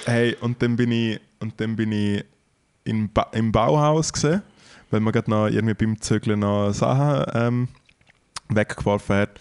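A man's voice: fairly low pitch, normal speed, a little mellow, clean tone. Rambling Swiss German man telling a story. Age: 30s. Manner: rambling anecdotal storytelling, acts out dialogue. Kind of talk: casual storytelling chat.

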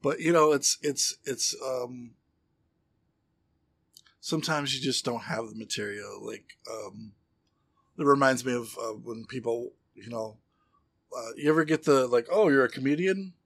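A man's voice: mid-range voice, a little slow, pauses often, fairly bright tone, no room sound. A man, a comedian and podcast co-host, chatting casually and telling jokes in a rambling way, full of fillers and restarts.

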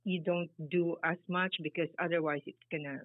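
A woman's voice: on the low side, fairly even intonation, moderate pace, slightly rough, no room sound. Middle-aged woman as interview guest; meandering, filler-heavy answers over a tinny, dry line. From Philippines. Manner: rambling, many fillers, laughs easily. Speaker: guest, baker and business founder.

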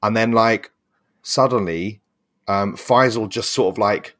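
Young guy rambling thru a chat, low-ish voice, swears a lot. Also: unhurried, fairly bright tone. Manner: rambling, swears casually, laughs often. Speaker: podcast co-host. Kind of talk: casual chat.

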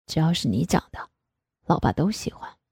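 A woman doing a husky, indulgent father. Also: big pitch swings, moderate pace, warm tone, dry recording, clean studio sound, exaggerated voice. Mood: soft, teasing. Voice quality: husky, lowered voice. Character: middle-aged father, indulgent and teasing. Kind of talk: audio story reading.

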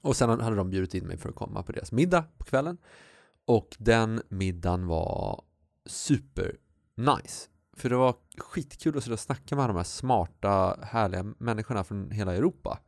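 A man's voice: on the low side, expressive, creaky, no room sound. A man co-hosting a podcast in casual chat, loose and joking, on a studio mic. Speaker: podcast co-host.

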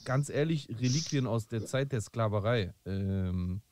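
A man's voice: on the low side, animated, measured pace, darkish tone, a little hiss or hum. A man in casual podcast talk, speaking earnestly with many hesitations. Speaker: podcast co-host. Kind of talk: casual chat.

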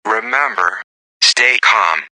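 A man putting on a slow, monotone pod computer voice. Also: fairly low pitch, no room sound, exaggerated voice, rough recording. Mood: announcing. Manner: slow, flat, calmly insistent announcements.

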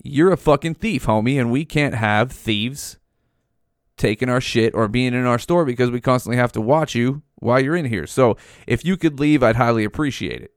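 A man's voice: mid-range voice, moderate pace, no echo, studio quality, natural voice. A man doing a blunt, firm store clerk. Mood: firm dismissal. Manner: firm, profane, matter-of-fact. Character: blunt male store clerk turning away a thief.

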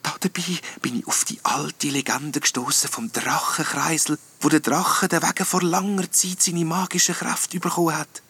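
A man voicing a small, sad and hopeful ghost, speaking softly in a whispery way in a storybook reading. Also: fairly high pitch, steady tone, normal speed, hardly any pauses, slightly rough, pitched above the performer's own voice, exaggerated voice. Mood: solemn hushed. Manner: soft and whispery.

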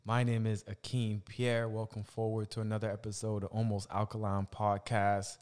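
A man's voice: on the low side, monotone, moderate pace, darkish tone, clear, resonant tone. A man hosting a podcast in a casual motivational monologue, using Rasta-influenced slang, reflective and repeating phrases for emphasis. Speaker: podcast host.

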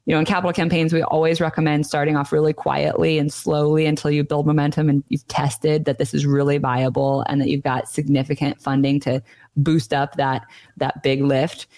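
A woman's voice: low-pitched, flat delivery, fairly quick, darkish tone, dry recording. A chatty woman giving conversational advice as an interview guest. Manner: chatty, talkative. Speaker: podcast guest, nonprofit consultant.

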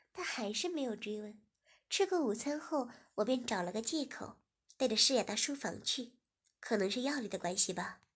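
With a breathy voice pitched slightly high, a woman narrates a tale calmly and steadily. At times her reading slips down to a gentle whisper.

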